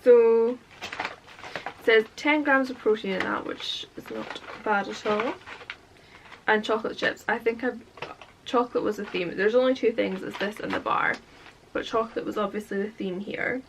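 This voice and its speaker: Young woman, bright-ish voice, chatty unboxing vlogger, faint background hiss. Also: a little high, moderate pace, vocal fry, rough recording. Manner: chatty, talks while eating a snack. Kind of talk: casual unboxing vlog.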